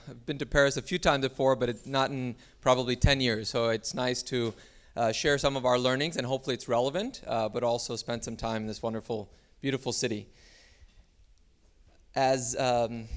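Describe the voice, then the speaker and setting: A man from Miami speaks to an audience about his work. His voice sits at a middle pitch, and his delivery is unpolished and talky, full of fillers and self-corrections. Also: clean tone. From Miami, United States. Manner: relaxed, loose delivery with frequent "uh" and restarts. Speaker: startup founder giving a talk. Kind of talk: conference talk.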